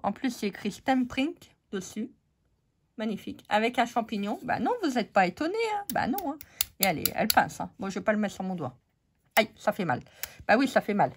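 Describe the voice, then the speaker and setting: A woman's voice: mid-range voice, big pitch swings, brisk, slight background noise. A woman with a French accent losing her voice, chatting casually to viewers about craft supplies with many fillers. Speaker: craft channel host. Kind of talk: casual craft haul chat.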